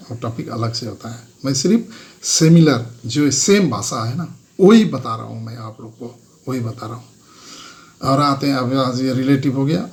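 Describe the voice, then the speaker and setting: A man from Nepal giving a casual spoken lesson, listing words one by one and repeating them as he explains. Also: mid-range voice. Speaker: language explainer.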